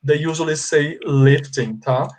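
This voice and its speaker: A man's voice: a little high, takes it slowly, a little mellow. A man with a Brazilian Portuguese accent teaching an online English class, switching between Portuguese and English and patiently repeating the forms. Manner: explains patiently, repeats forms, checks with students.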